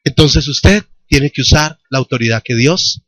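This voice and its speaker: In a church hall, a man with a Colombian Spanish accent delivers a sermon in an animated, medium-pitched, unhurried voice. He recounts a personal story through quoted dialogue, then turns to the congregation with fervent call-and-response questions. Loud worship music is audible in this church recording.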